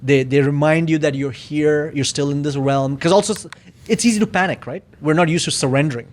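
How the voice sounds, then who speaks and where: Male guest, reflective and halting, a bit high-pitched, casual chat. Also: darkish tone. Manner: reflective, searching for words, many fillers. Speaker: podcast guest. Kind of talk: casual conversation.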